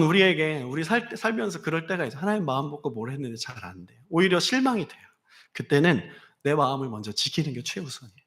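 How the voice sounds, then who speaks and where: A man's voice: fairly high pitch, fairly bright tone. A man pastor preaching a sermon in a conversational way, acting out quoted lines.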